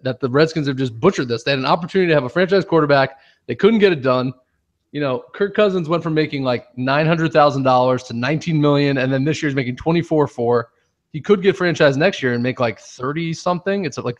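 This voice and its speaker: Sarcastic swearing male podcast host. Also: mid-range voice. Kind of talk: casual sports chat.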